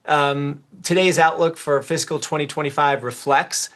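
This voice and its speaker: A man's voice: on the high side, fairly even intonation, moderate pace, a bit bright. A man speaking as a company chief executive in a TV interview, giving careful, scripted corporate answers.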